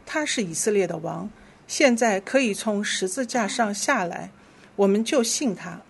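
A woman leading a church service, reading scripture aloud verse by verse in a steady, clear voice. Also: mid-range voice, normal speed. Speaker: worship leader.

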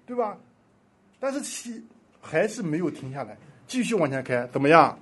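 A man preaching a sermon, telling a story with impassioned swings between loud pleading and hushed asides. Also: fairly high pitch, sing-song, normal speed, husky.

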